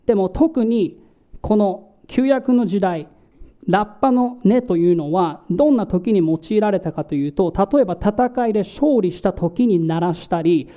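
A man preaching a sermon, explaining scripture slowly and turning to the congregation with questions. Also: high voice, dark tone. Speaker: pastor.

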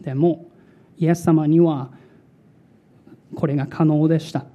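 A male pastor preaching a sermon in a slow, dramatic way, repeating words for emphasis. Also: a little high, steady tone, mellow, lo-fi sound.

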